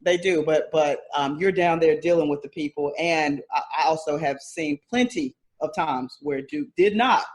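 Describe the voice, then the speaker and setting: A man co-hosting a casual sports podcast, chatty and quick to laugh, often restarting his sentences. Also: on the high side, poor audio. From American South. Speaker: podcast co-host.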